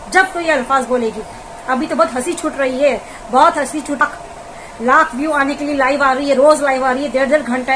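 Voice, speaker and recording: Speaking directly to the person she's criticizing, a female vlogger scolds them in an indignant commentary rant. Her voice sits high, and there's background noise in the recording.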